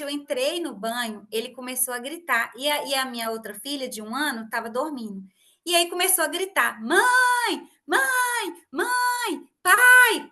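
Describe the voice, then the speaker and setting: Hosting a relaxed podcast chat, a woman in her thirties with a high-pitched voice spins a lively story, performing her family members' lines herself.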